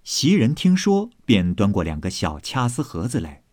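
A man narrating a classical novel aloud in an animated, expressive storytelling manner on a close mic. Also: fairly low pitch, moderate pace, dry recording.

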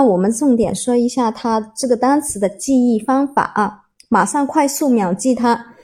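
A woman's voice: on the high side, darkish tone, breathy edge. A woman teaching an English vocabulary word, explaining patiently, spelling letters out and repeating herself with many fillers. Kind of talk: explaining a word step by step to learners.

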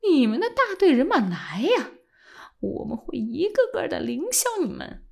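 A woman voicing an old male scholar with a husky voice, speaking low and hushed, almost whispering, then rising into fierce passion. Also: lively intonation, a little slow. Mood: impassioned.

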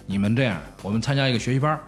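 A man hosting a casual football chat, telling stories in an animated way with laughing asides. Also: medium pitch, very fast, soft background music.

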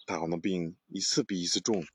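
Man doing grave ancient doctor, deep husky voice, storybook read-aloud. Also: fairly even intonation, brisk, no room sound. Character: grave male ancient physician, earnest warning.

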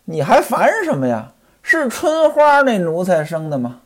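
A man's voice: a little high, huge pitch swings, moderate pace, a little mellow. A man voicing a rich, blustering male patron who teases and scolds his friend. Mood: teasing. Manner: teasing, scolding.

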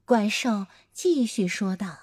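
A woman reading a children's story aloud in a playful, animated way. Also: medium pitch, takes it slowly.

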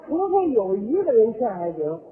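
A man's voice: sits high, very animated, moderate pace. A man performing crosstalk comedy as the lead comedian, telling stories and mimicking people laughing and wailing. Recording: tinny old phone-like recording.

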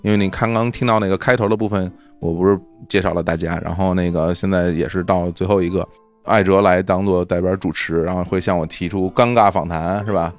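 A man, a podcast host answering questions in a casual group chat, laughing often and repeating himself when excited. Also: low-pitched, a little fast, soft background music. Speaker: podcast host being interviewed.

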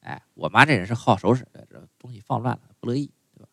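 Lively stand-up comedian. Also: male voice, medium pitch, fast, gravelly, no room sound. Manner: chatty, filler-heavy storytelling with frequent "哎" and asides to the audience.

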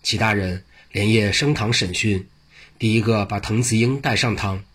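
Man, storyteller, traditional narration, measured delivery, low voice, husky. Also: fairly bright tone. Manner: classical, measured delivery with asides to listeners.

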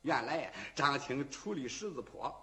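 A man's voice: medium pitch, animated, a little slow. A man with a Shandong accent performing a traditional rhythmic storytelling piece in rhymed, dramatic patter.

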